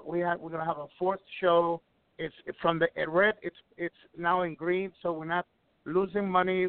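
A man's voice: high voice, clear, resonant tone, dry recording. A middle-aged man from Ecuador telling wrestling stories in a casual radio interview, rambling with many restarts. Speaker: wrestling promoter and guest. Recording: tinny phone line.

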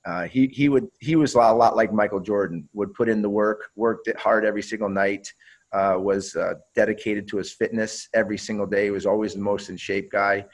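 A man's voice: fairly low pitch, steady tone, fairly quick, poor audio. A man who played pro hockey, telling stories in a casual interview and swearing freely, often repeating and restarting his words.

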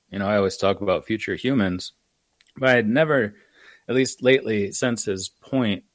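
A man's voice: on the low side, dry recording. An American man, an author, talking through ideas in a rambling, thoughtful way on a podcast. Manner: thoughtful, rambling explanations with fillers. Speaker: author and guest. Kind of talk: casual podcast conversation.

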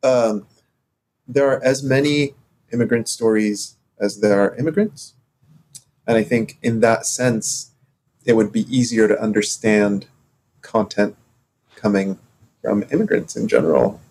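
A man from Morocco co-hosting a casual podcast discussion, talking in halting stops and starts with many fillers. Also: lowish voice, darkish tone. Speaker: podcast co-host.

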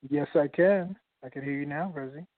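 A man's voice: fairly high pitch, moderate pace. A man calling in over a thin phone line, repeating himself as he checks what he can hear. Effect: thin phone-line sound. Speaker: caller testing a phone connection. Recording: tinny dry phone line.

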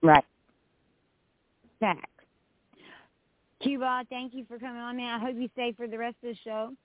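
A woman's voice: a little high, steady tone, normal speed, dry recording. A woman co-hosting a casual group voice chat, effusive and encouraging, with slangy talk peppered with "man" and "dude". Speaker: co-host of a music show. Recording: narrow-band, dry online voice chat.

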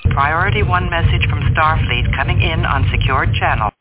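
A calm starship computer voice giving clipped, precise announcements in an even tone. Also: mid-range voice, moderate pace, close to an everyday voice. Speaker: ship computer announcing transmissions. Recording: tinny phone-like clip over loud music.

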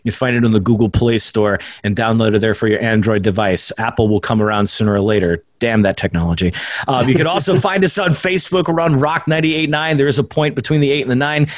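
This young adult man, a self-taught radio broadcaster, talks fast in a mid-range voice as a guest on a casual podcast interview, tossing in jokey, self-deprecating asides. The recording is dry and close.

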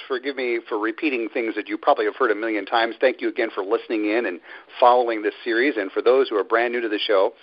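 A man's voice: mid-range voice, dull audio. A man hosting a radio interview show, speaking emphatically and stressing single words. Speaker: radio show host and author.

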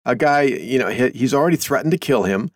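A man's voice: medium pitch, animated, fairly quick, no room sound. Folksy middle-aged man, dry close sound. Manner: folksy, conversational, reads aloud then comments. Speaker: host. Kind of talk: commentary on a news article.

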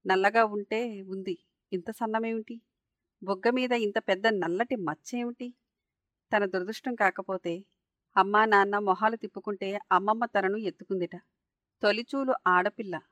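A woman's voice: medium pitch, a bit bright, dry recording. A woman narrating a story aloud in an earnest, emotive reading.

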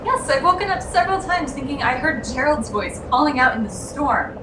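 A woman's voice: high-pitched, sing-song, a little fast, noisy background. An actress playing a scheming, insistent woman in a theatrical old radio thriller. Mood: anxious. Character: scheming, coldly coaxing murderous woman. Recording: echoey distant vintage radio drama recording.

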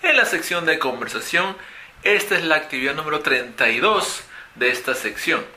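A man's voice: on the high side, lively intonation, moderate pace, sharp tone. A man teaching English phrases in an upbeat audio lesson, carefully repeating each phrase.

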